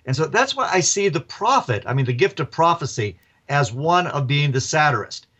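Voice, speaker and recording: A man, an author and professor, telling stories as a radio interview guest in a lively, chuckling way. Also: on the high side, moderate pace.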